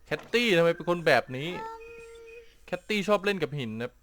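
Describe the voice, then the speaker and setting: A man's voice: on the high side, animated, brisk, a bit bright, soft background music. Puzzled Thai man commenting on a game. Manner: puzzled, exclaiming, talks to the game. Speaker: gameplay streamer.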